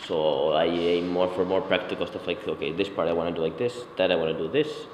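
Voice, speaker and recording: A young man, a circus performer, talking casually in an interview, relaxed and swearing offhandedly. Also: sits low, brisk. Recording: echoey hall, background noise.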